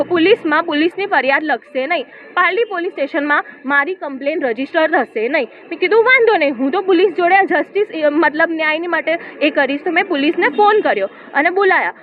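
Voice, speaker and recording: Young Gujarati woman, high-pitched, hurried, restarts often; tinny lo-fi sound. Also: a little hiss or hum. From Gujarat, India. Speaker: interviewee recounting an incident. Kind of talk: personal account to a reporter. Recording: tinny phone-like audio.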